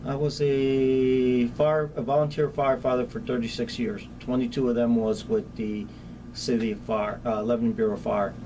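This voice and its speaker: Plain-spoken and practical, a middle-aged man with a Spanish accent answers questions in a casual interview as the county hazardous materials chief. His voice is medium in pitch at normal speed, captured in a low-quality recording with steady, clear ambient noise behind it.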